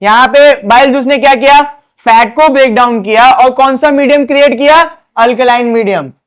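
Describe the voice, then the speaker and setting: A man's voice: extremely high pitch, a bit bright, clear, resonant tone. A man teaching a board exam science lesson, asking questions and answering them himself. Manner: repetitive, drilling.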